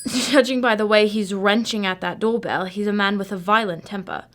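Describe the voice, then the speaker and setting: A woman playing a composed, analytical female Sherlock Holmes in an amateur radio drama, speaking in a measured, formal and precise way. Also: medium pitch, fairly bright tone, close to an everyday voice.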